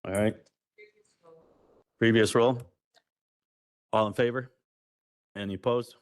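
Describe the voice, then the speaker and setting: A man's voice: fairly low pitch, steady tone, takes it slowly. An American man chairing a public meeting in an informal, brusque and businesslike procedural style.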